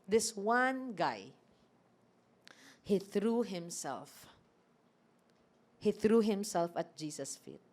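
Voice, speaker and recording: A woman preacher giving a lively sermon, acting out scripture and asking the congregation questions. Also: mid-range voice, extremely slow, pauses often. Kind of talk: sermon mixing Tagalog and English.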